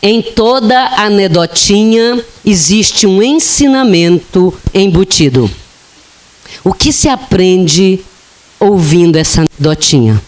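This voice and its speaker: A woman lecturing at a spiritist center, her pace very slow and deliberate. She spins light, humorous anecdotes and briefly acts out the voices of the people in them. Her pitch sits right in the middle of the usual range. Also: animated, a little mellow. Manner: slow, humorous storytelling with acted-out quotes.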